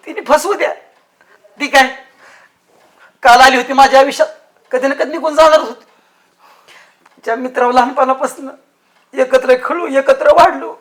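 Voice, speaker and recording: A man's voice: extremely high pitch, fairly bright tone. A young man in a scripted comedy sketch, talking in a sulky, self-pitying, tearful way. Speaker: lead character.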